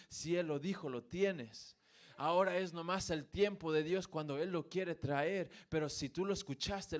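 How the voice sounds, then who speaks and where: A male preacher delivers a sermon from a church, his voice sitting somewhat high for a man. He builds to emphatic, passionate peaks and then drops to quiet, repeated refrains. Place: church sanctuary.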